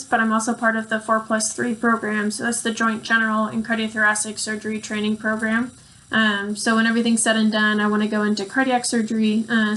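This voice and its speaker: A young woman from Texas, a surgical resident, giving an unhurried recorded testimonial with frequent "um"s. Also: fairly high pitch, a bit bright, low-quality recording. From Texas, USA. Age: young adult.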